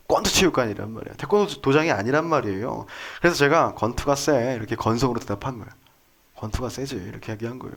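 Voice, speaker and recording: Male preacher in his 30s, animated pitch, chatty and joking with the congregation. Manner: conversational, jokey, asks the congregation questions. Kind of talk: sermon with storytelling.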